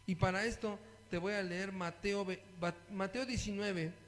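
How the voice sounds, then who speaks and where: Man, a high voice, preaching and reading scripture, long hall reverb. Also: fairly even intonation, normal speed. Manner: reads scripture aloud and asks the listeners questions. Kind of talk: sermon Bible study.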